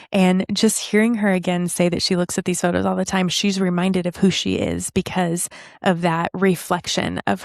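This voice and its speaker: A woman hosts a podcast in an earnest, heartfelt monologue and slows right down on the lines she wants to land. Her voice has a gravelly edge of vocal fry, and the recording is close and dry. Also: on the low side, no echo. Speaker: podcast host.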